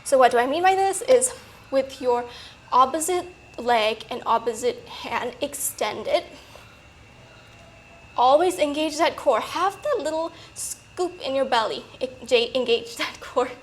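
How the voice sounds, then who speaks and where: A woman coaching a workout in a peppy, encouraging manner, a little breathy from exertion. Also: high voice, lively intonation, measured pace, a little hiss or hum. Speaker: fitness coach. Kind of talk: workout instruction.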